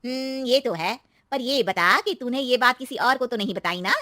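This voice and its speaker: A superstitious middle-aged aunty from a cartoon story, voiced by a woman, always quietly warning others. The voice sits high and bright, and it is recorded close and dry. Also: moderate pace, no room sound. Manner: warning, knowing tone.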